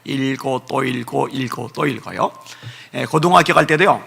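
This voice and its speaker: A man's voice: medium pitch, normal speed, vocal fry, sharp tone, breathy edge. A male pastor preaching at a revival meeting in a church, telling personal stories with emphatic repetition. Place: church sanctuary.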